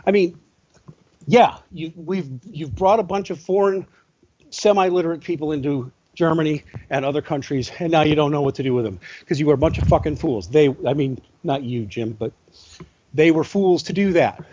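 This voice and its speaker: A man arguing as a guest on a call, halting and correcting himself, his voice cracking when riled. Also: fairly high pitch, warm tone, highs cut off. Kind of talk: heated debate on a call.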